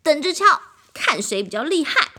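In a children's storybook, a woman voices a proud, jealous male violin, sounding whiny and demanding. Her exaggerated delivery sits high, above her natural voice, with big pitch swings, a moderate pace, and a bright, forceful tone.

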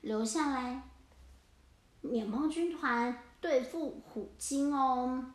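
A woman reads a picture book aloud to children, lively and full of playful sound effects. Her voice sits high, and the recording has a roomy echo. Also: slow pace. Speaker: storyteller.

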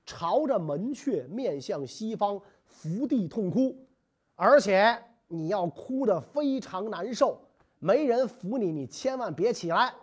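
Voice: mid-range voice, lively intonation, slow pace, breathy edge. A storyteller voicing a loyal, anxious court minister urgently begging his master in a history podcast. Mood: urgent pleading. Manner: urgent, pleading.

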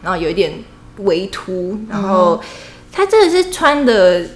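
A young woman, chatting as a podcast co-host. She tells her story in an animated, self-deprecating way and laughs often. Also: mid-range voice, a little slow. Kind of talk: casual chat, storytelling.

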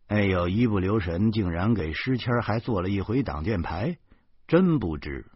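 A man's voice: on the low side, animated, normal speed, breathy edge, dry recording. A man reading a first-person novel aloud with dramatic, sarcastic storytelling. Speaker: audiobook narrator. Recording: dull lo-fi, dry sound.

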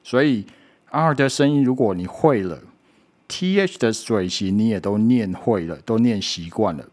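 A man teaching English pronunciation, patiently repeating words slowly to demonstrate. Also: fairly low pitch, expressive, a little mellow. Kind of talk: online pronunciation lesson.

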